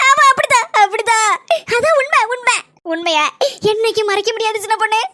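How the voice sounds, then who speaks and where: Cartoon casting: shrill, fast-talking, scheming mother-in-law with a Kanyakumari Tamil accent, bright dry sound. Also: no room sound. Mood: pleading. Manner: shrill, rapid, repeats words insistently. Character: scheming middle-aged mother-in-law, defensive and pleading. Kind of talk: cartoon voice acting.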